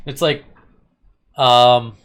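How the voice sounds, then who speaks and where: A man's voice: mid-range voice, steady tone, very slow, fairly bright tone. A man hosting a casual anime review chat, rambling and opinionated with a sarcastic edge. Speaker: host of an anime review channel.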